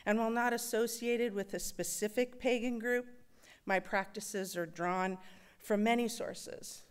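Smooth-voiced woman giving a church reflection. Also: fairly high pitch, fairly even intonation. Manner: thoughtful, measured, with wry humor. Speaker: worship associate. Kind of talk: personal reflection in a church service. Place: church sanctuary.

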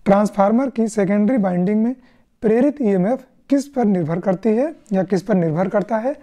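In a warm, mid-range voice, a woman with an Indian accent tutors electrician exam candidates, working through questions step by step. She explains in question-and-answer style and keeps checking in with brief tag questions.

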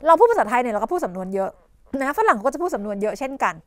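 Woman tutor, raised pitch, dry close studio sound, chatty explaining with frequent coughs. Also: big pitch swings, racing, no echo. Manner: explains idioms with many "นะคะ" fillers and rhetorical questions; coughs and clears her throat often. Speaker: English teacher. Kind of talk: televised tutoring lesson.

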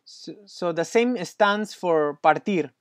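A man's voice: fairly high pitch, slow, no room sound, clean studio sound. A man tutoring Spanish one-on-one, patient and encouraging, praising often, with slightly non-native English phrasing. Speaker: Spanish teacher.

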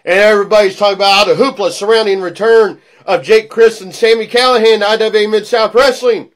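High-pitched man cutting a taunting wrestling promo. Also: fairly even intonation, fast talker. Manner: theatrical, taunting, swinging from low menace to loud shouts. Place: small plain indoor room.

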